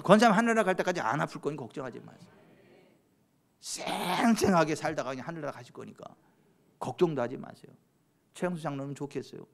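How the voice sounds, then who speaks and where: In a church sanctuary, a pastor with a voice on the high side preaches a sermon. He swings from soft, chatty asides to loud, fervent exhortation and teases church members.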